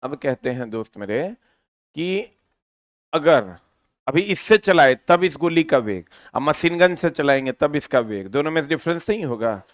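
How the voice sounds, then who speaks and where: A man teaches a physics class, lively and forever firing questions back at his students. His voice sits high and smooth. The sound is dry and close, with no room in it. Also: measured pace, dry recording.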